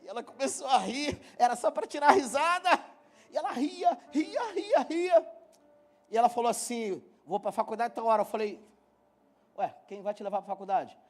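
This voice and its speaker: A middle-aged man from Brazil preaching to his congregation, telling a funny personal story in a joking, animated way and speaking straight to the people. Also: extremely high pitch, moderate pace. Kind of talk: humorous sermon storytelling. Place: church hall.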